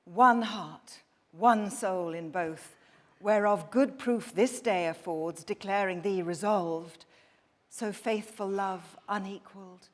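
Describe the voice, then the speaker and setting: A woman voicing Eve, the first woman, eager and persuasive, in a measured dramatic verse reading. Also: mid-range voice, natural voice. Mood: adoring. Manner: measured, earnest verse delivery. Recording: long hall reverb.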